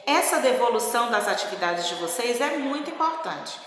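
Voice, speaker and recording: A woman teacher in a recorded video lesson, explaining school exercises slowly and carefully. She stretches out her words as she dictates and keeps checking in with her pupils. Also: fairly high pitch, animated, fairly bright tone. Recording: echoey room with long reverb.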